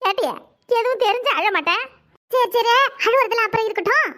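A very high, piercing cartoon voice with a bright, sharp edge. a sly village schemer who fakes loud wailing and gossips between sobs. The delivery is exaggerated cartoon acting. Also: female voice, brisk. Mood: sly, mock grieving. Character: scheming village woman, mock-grieving in-law.

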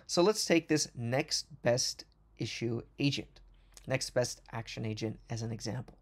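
A medium-pitched male voice runs through a product demo as a voice-over for a screen recording, explaining fast and fluently in corporate fashion while sometimes starting over.

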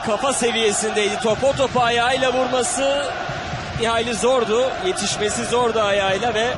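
High-pitched male football commentator, noisy crowd. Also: steady tone, normal speed. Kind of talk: live match commentary. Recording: loud noisy stadium crowd. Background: loud stadium crowd.

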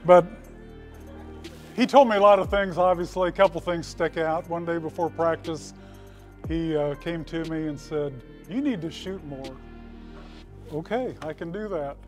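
A man's voice: fairly high pitch, unhurried, soft background music. Older man giving a folksy podium speech. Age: 60s. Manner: folksy storytelling with dry humor. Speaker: hall of fame inductee. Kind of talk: acceptance speech. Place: school hall with brick walls. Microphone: podium microphone.

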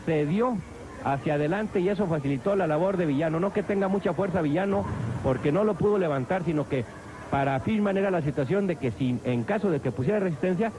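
A man's voice: a little high, fairly quick, noisy background. A man with a Mexican accent giving live play-by-play as a wrestling commentator.

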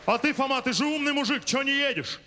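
Пафосного Ломоносова, очень высокий голос. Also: male voice, extremely high pitch, quick pace, pushed and bright. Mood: hearty. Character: pompous scholar Lomonosov, back visiting his village. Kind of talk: stage sketch comedy. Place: large theatre stage with audience. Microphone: handheld microphone. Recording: echoey big hall with music.

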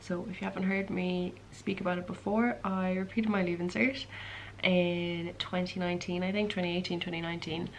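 Speaking briskly in a level tone, a woman in her early twenties from the west of Ireland answers viewer questions in a relaxed Q and A vlog to camera. Her voice is on the low side, and the poor audio picks up slight background noise.

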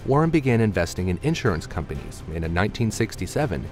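A man giving measured, scripted documentary narration. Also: fairly low pitch. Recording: narration over clear background music.

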